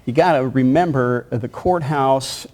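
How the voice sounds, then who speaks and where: A man anchoring live breaking news, describing incoming pictures in a halting, unscripted way. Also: medium pitch, a little mellow. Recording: faint background noise.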